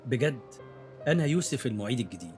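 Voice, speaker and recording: An actor with an Egyptian accent playing a polite, calm young male teaching assistant in a radio drama, courteous and gently teasing. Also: medium pitch, fast talker, faint music behind, close to an everyday voice. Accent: Egyptian Arabic. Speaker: new university teaching assistant.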